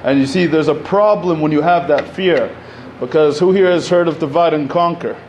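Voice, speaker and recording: A man's voice: on the high side, moderate pace, a little mellow, a little hiss or hum. A man in his thirties, originally from Egypt, speaks at a podium in a community center hall, talking conversationally with lots of fillers and restarts. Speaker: panel speaker. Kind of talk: public talk at a podium. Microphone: podium microphone.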